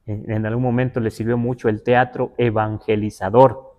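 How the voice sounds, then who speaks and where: A man's voice: lowish voice, little pitch movement, dull audio. A man from the Huasteca teaching a livestreamed Nahuatl class, reading passages aloud and glossing them word by word. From Huasteca, Mexico. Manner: slow, explanatory, reads aloud and glosses word by word; checks in with listeners, asking "¿verdad?".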